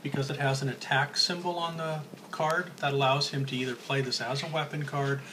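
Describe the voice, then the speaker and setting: Explaining a card game's rules mid-play, a middle-aged board game demonstrator speaks in a mid-range, steady voice that's brisk, pushed, and bright. A handheld camera across the table in a small room records him, with noisy amateur sound.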